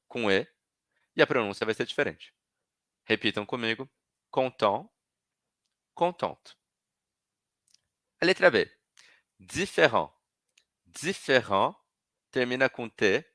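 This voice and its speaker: Bright-voiced man teaching French online. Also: medium pitch, studio quality. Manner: patient, repeats words for students to echo. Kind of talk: live online language lesson.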